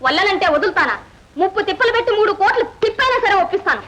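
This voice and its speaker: A quick, confident young woman lawyer in an old film, very high and rapid, brisk and scolding. She sounds sure of herself. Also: sing-song, fairly bright tone, heavily acted, rough recording.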